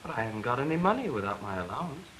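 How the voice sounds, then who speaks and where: Young composer, earnest, tender, middle-pitched, hissy old film sound. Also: male voice, big pitch swings, racing, a bit bright. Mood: worried. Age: young adult. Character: young male composer, tender and anxious newlywed. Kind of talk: early talkie film acting. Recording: scratchy 1920s film soundtrack.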